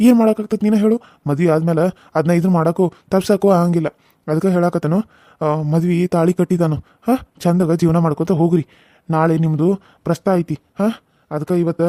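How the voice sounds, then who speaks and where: A man's voice: fairly high pitch, steady tone, brisk, mellow, dry recording, clean studio sound, natural voice. A man voicing a village father-in-law in a cartoon serial who lectures the couple, with a North Karnataka Kannada accent. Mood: pleading. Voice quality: lecturing, scolding. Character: scolding fatherly village elder.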